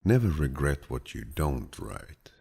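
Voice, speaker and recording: A calm, grandfatherly man narrates an audiobook of quotations. He reads the scripted lines slowly in a husky, deep, low voice that has a soothing quality.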